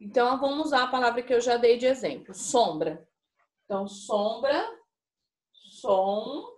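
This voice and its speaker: Brazilian lady teacher, bit high voice, slow patient explaining to kids, echoey classroom sound. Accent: Brazilian Portuguese. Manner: patient, slow and explanatory, addresses pupils, checks with "né?" and "tá?". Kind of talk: recorded remote class lesson. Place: classroom with a whiteboard. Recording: echoey room.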